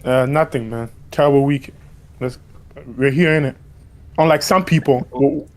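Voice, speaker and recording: A man's voice: medium pitch, measured pace, darkish tone. A man on a podcast panel making casual remarks in football banter.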